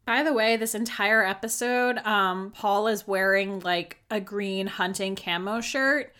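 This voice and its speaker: Her voice is medium in pitch, a little slow, pushed and bright yet smooth. The young podcast host chats alone about a reality show, sarcastic and casual, leaning heavily on filler likes and swearing.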